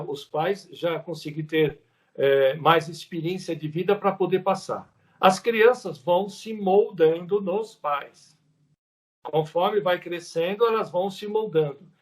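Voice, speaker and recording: A man's voice: high voice, measured pace. A man with a Brazilian Portuguese accent giving a spiritual lecture at a spiritist center, talking conversationally and repeating words for emphasis.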